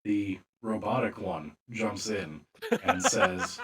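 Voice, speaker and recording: A man narrating a tabletop role-playing game as game master, calm and matter-of-fact. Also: fairly low pitch, slow.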